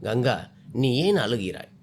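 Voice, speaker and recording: A man's voice: mid-range voice, big pitch swings, a little slow, slight background noise, voice pushed down. A man voicing a troubled young husband in a spoken story, firm but caring. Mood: stern.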